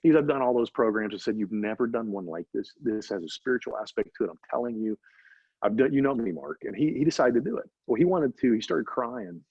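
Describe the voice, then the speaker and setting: A middle-aged man, an interview guest, telling animated faith-driven stories and often asking "right?". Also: mid-range voice, quick pace, slightly rough, no echo. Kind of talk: casual storytelling interview. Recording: dry, slightly dull recording.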